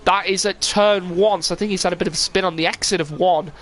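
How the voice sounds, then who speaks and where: A young man talks fast in a high, fairly bright voice with a steady tone. Despite being full of cold and sniffly, he casually commentates a live sim racing stream, rambling and using lots of fillers.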